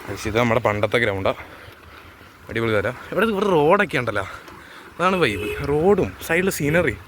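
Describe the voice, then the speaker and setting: A man's voice: medium pitch, sing-song, moderate pace, fairly bright tone. A man with a Kerala accent chats casually to a cycling vlog audience, mixing English words into his Malayalam. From Kerala, India. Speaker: vlogger. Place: outdoors on roads while cycling. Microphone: handheld phone camera while riding. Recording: noisy outdoor recording with vehicle sounds.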